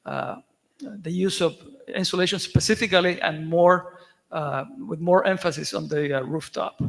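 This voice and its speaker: Hesitant architect, gravelly voice. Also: male voice, sits high, fairly even intonation, moderate pace. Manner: hesitant, many fillers and restarts. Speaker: architect panelist. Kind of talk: conference Q&A answer. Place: conference hall. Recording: echoey hall with long reverb.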